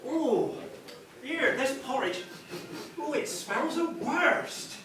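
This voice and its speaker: A woman playing Goldilocks as a cheeky, excitable pantomime girl, hamming it up for the audience in broad stage style. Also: high voice, slow pace. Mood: hammy. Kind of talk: stage pantomime acting with audience back-and-forth. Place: theatre stage, distant mic. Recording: echoey theatre from far off, music and audience. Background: music and audience noise.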